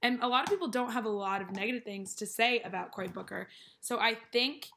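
A woman's voice: on the high side, fast, creaky, bright, forceful tone, a little hiss or hum. A young American woman co-hosting a casual podcast from a living room, chatting informally and freely giving her opinions. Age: young adult. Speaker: podcast co-host.

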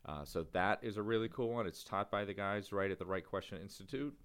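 Deep-voiced male podcast co-host. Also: brisk, a bit bright, smooth. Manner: rambling, restarts sentences, easy laugh. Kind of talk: casual educational podcast chat.

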